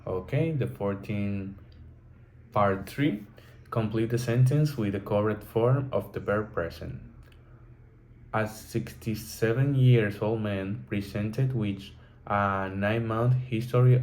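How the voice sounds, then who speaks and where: A man reads through a textbook lesson in a low voice, slowly and carefully. He stops now and then to restart a word. Faint room noise sits behind him. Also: darkish tone. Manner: slow, careful reading with halting restarts. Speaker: teacher. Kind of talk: reading a textbook lesson aloud.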